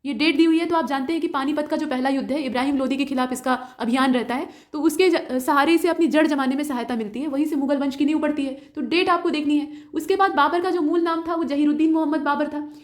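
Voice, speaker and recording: Brisk, high-voiced woman tutoring quiz answers. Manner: explanatory, walks through options step by step; mixes English terms into Hindi. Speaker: exam prep tutor.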